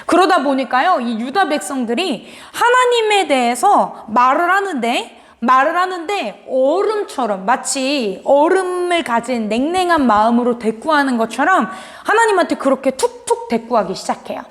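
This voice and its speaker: A woman preaching to children in a high, lively voice that swoops up and down. She tells the story with animated expression, and her voice carries a long hall reverb. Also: moderate pace, few pauses. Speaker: children's pastor. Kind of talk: children's sermon.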